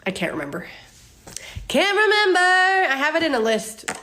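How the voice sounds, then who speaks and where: Very high and pushed, her bright voice swings widely in pitch at a moderate pace, with a bit of hiss or hum in the background. She's a creator in her twenties answering viewer questions on her phone, chatty and frank, with plenty of ums and laughs.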